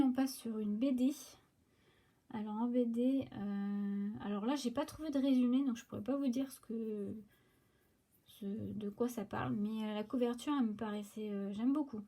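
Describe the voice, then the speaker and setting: A woman's voice: on the high side, fairly even intonation, a little slow, dark tone. Hesitant French woman chatting about books. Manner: hesitant, many fillers and restarts. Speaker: booktuber presenting new book releases. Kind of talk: casual chat to camera. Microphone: phone.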